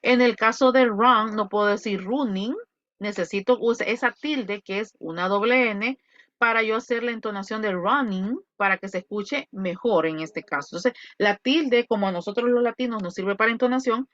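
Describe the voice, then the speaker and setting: A woman, a Spanish speaker, teaching an English class online and voicing her students' questions in an animated way. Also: medium pitch, normal speed, no echo, highs cut off.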